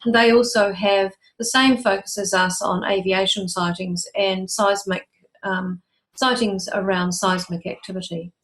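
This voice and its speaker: Older New Zealand woman, interview guest, measured and informative, mid-pitched. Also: steady tone, fairly bright tone. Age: 60s. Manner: measured, informative, with frequent ums. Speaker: guest, UFO researcher. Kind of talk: interview answers.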